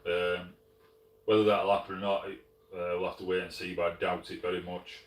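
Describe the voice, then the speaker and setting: Low-voiced sheffield bloke rambling through a live chat, roomy sound, a bit off mic. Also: male voice, brisk, far from the mic. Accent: Sheffield Yorkshire. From Sheffield, England. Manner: relaxed, chatty, full of fillers and restarts. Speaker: host answering live chat. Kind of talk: casual live-stream chat.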